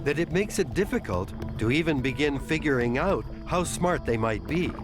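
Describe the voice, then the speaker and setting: A man's voice: a little high, expressive, moderate pace. A man reading scripted narration for a nature documentary. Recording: music behind the voice. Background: music.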